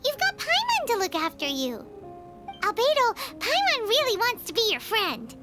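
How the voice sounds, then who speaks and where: A woman's voice: very high-pitched, normal speed, soft background music, heavily acted. A woman voicing a tiny childlike fairy companion, cheerful and outspoken, in an anime-style video game. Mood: consoling. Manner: excitable, speaks of self in third person.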